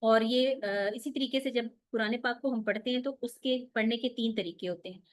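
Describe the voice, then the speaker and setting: A woman's voice: fairly high pitch, normal speed. Woman teaching Quran recitation rules. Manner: explains step by step, asks and answers her own questions. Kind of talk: online tajweed lesson.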